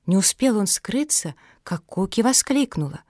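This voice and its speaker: A woman narrating a children's storybook in an even, clear storytelling manner. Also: medium pitch, moderate pace, no echo. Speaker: audiobook narrator. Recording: dry close studio sound.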